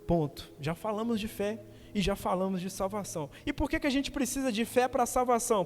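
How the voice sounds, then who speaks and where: A young man from Brazil, a minister, preaching a sermon and sharing a personal testimony in an emphatic, repetitive cadence, often calling on the congregation. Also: very high-pitched. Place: church hall. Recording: reverberant church hall.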